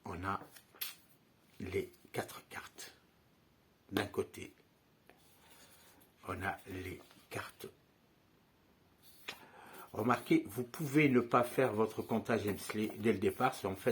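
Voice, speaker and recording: A man's voice: lowish voice, slow pace, long pauses, slight background noise. A man teaching a card trick step by step, in a chatty manner and often checking in with his listeners. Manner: conversational, frequent tag questions and fillers.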